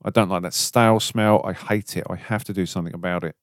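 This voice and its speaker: A man's voice: sits low, steady tone, fast, no echo, studio quality. A middle-aged man co-hosting a podcast, chatting casually with teasing banter and little anecdotes. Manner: bantering, anecdotal, informal British slang. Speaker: podcast co-host. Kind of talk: casual chat about car detailing.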